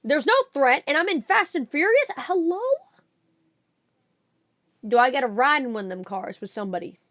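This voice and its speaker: A young woman streaming a reaction video, chatting casually in an excitable, slangy way while snacking. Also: high voice, normal speed.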